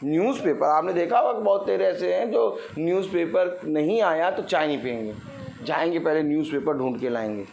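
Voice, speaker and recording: Animated high-voiced preacher, man. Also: brisk, vocal fry, slight background noise. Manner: animated preaching, acting out everyday people with playful mockery and laughter. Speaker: pastor. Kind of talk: Hindi sermon with congregation responses.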